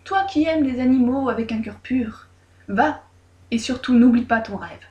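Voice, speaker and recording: A woman voicing a solemn old male Buddhist monk, speaking slowly. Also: a little high, mellow, highs cut off, lightly acted. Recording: roomy echo.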